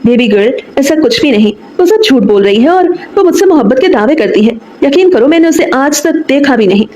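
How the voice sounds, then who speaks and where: A woman's voice: high voice, expressive, brisk, a little mellow, reverberant, voice pushed up. A woman voicing a possessive young man in a romance audiobook, talking in a firm, commanding way. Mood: coaxing.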